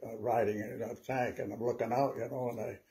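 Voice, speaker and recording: A man in his nineties, an old veteran remembering his war days in a halting, rambling, conversational way with repeated words. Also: mid-range voice, level tone, warm tone. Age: 90s. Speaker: WWII veteran interviewee. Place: small living room at home, seated.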